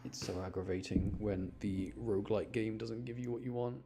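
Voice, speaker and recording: A man with a lowish, steady, mellow voice at normal speed gives casual live commentary on a game, rambling to his stream. He often interrupts himself and grumbles mildly, on a close streaming microphone with game music behind him.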